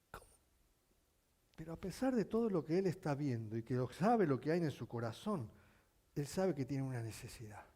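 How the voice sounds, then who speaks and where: A male pastor preaching a sermon, telling stories with animation and asking his congregation questions, at times rising to near shouting. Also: fairly high pitch. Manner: addresses the congregation with frequent questions.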